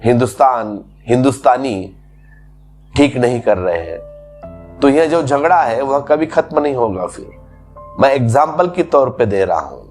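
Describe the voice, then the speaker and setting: A man's voice: mid-range voice, expressive, a little slow, darkish tone, soft background music. A man giving a spiritual discourse as a teacher, explaining patiently through repeated everyday examples.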